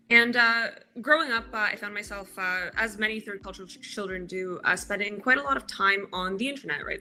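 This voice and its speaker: A woman guest on a podcast, speaking in casual interview talk, halting with frequent filler sounds. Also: medium pitch, bright, forceful tone. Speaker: podcast guest, crypto project cofounder.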